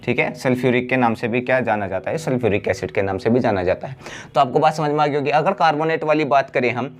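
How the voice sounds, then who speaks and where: Guy teaching chemistry class, keeps asking then answering himself, stretches words out slow, bit of hiss behind. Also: mid-range voice. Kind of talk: blackboard lesson.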